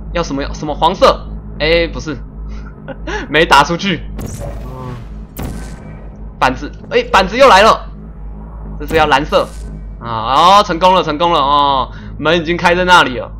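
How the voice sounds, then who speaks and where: A man streaming a puzzle game live, chatty and excitable, laughing often and making little sound-effect noises as he plays. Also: a little high. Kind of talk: live gameplay commentary.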